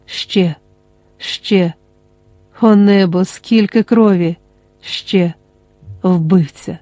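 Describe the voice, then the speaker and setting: An audiobook reader voicing a desperate young man who mutters tense, halting words to himself, in a dry, close recording. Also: high voice, dark tone, dry recording, soft background music. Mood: muttering.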